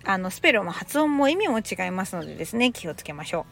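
Lively Japanese woman teaching English. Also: medium pitch, fast, creaky, faint music behind. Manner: lively, chatty explaining with casual dialect. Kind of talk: podcast English lesson.

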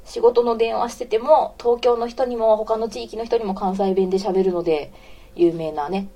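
A woman of about forty from Osaka hosts a casual live audio stream in a warm Kansai accent. Her voice is mellow and relaxed, and she giggles often and breaks off her talk to greet listeners. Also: medium pitch, normal speed. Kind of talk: casual live radio chat, reading listener comments.

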